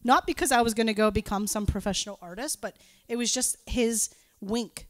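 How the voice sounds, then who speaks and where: This woman speaks a little high and a little fast, recorded at studio quality without room sound. As a preacher at a church gathering, she gives a casual sermon built on personal anecdotes, conversational, self-mocking and prone to giggles.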